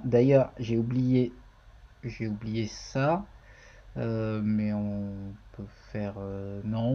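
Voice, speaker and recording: Casting: male live-coding streamer, mellow husky voice, thinks aloud, chatty with his chat, dull lo-fi stream audio. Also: mid-range voice. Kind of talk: casual live-coding tutorial.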